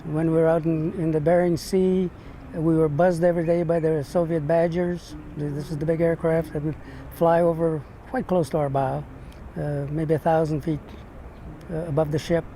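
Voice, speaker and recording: An older American man remembers his days as a veteran in an interview. His voice is mellow and sits a little high for a man. He speaks haltingly, pausing and repeating words as he searches his memory, over faint background noise. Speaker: navy ship veteran being interviewed. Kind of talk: reminiscing in an interview. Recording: noisy, with steady background rumble.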